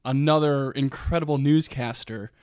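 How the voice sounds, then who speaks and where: A man co-hosting a casual film review podcast, rambling and animated, with many fillers. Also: medium pitch, moderate pace, clean tone, dry recording, clean studio sound. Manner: rambling, animated, many "like" fillers, puts on silly voices for quotes. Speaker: podcast co-host.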